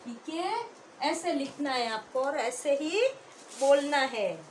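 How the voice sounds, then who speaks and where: A high-pitched woman teaches small children to read, drawing each syllable out very slowly. She asks a question and then answers it herself. The echoey classroom has a faint hiss of noise behind it. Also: lively intonation. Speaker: pre-primary teacher. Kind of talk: slow classroom phonics lesson.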